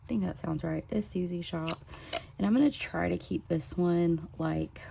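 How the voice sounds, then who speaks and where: A woman with a drawl talks through her weekly planner in an unhurried, chatty way. Her voice is low, mellow and heavy with vocal fry. A faint hiss sits under the home recording. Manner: chatty, drifts into soft whispers while working. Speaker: planner vlogger. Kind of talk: casual plan-with-me chat. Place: home desk.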